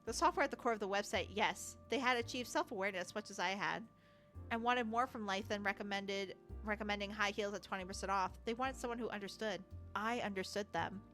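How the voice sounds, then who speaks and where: A woman voicing a heartbroken, self-aware robot villain who speaks in a halting, formal, mournful way. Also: mid-range voice, a bit bright, soft background music, natural voice. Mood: wistful.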